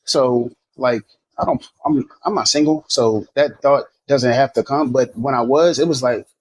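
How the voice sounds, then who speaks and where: A man from Maryland, USA, chats casually and frankly as a podcast guest, rambling, restarting often, and swearing. His voice is medium in pitch and normal in speed, captured in a low-quality recording.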